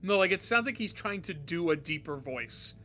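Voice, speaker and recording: Male let's-play host, high bright voice, irreverent, laughs often. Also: animated, normal speed, slight background noise. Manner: laughs a lot, jokey and irreverent. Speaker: gaming commentator. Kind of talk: casual let's-play banter.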